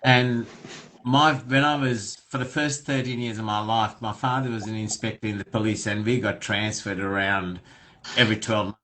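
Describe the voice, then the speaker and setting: A man's voice: lowish voice, fairly even intonation, moderate pace, pushed and bright, low-quality recording. Conversational male podcast host. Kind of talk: casual interview conversation.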